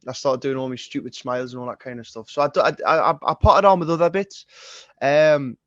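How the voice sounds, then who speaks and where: A man's voice: mid-range voice, a little fast, dry recording, muffled recording. A man in his twenties with a Geordie accent, a singer-songwriter talking as a podcast guest in a casual, rambling way, full of swearing and restarts. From Northeast England. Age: 20s.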